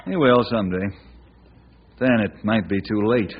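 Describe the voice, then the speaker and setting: An American actor playing a kindly, principled forest ranger in old-time radio drama style, with an earnest, folksy, friendly manner. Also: male voice, lowish voice, measured pace, natural voice. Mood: reflective, earnest. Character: kindly, principled male forest ranger, plain-spoken and steady. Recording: muffled, noisy old radio recording.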